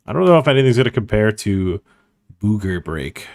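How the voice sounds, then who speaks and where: A man's voice: medium pitch, expressive, fast, creaky. A man streaming online poker, thinking aloud in casual, self-mocking commentary and swearing freely.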